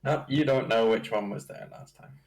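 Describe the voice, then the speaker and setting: A man running a tabletop game as dungeon master, narrating in a slow, halting way with chuckles. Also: medium pitch, rough recording.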